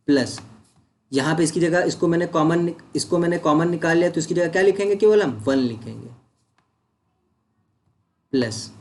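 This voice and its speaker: A man with a fairly high voice teaches an online doubt-solving maths lesson, working through sums step by step. He asks questions and answers them himself, mixing English words into his Hindi. There's slight background noise.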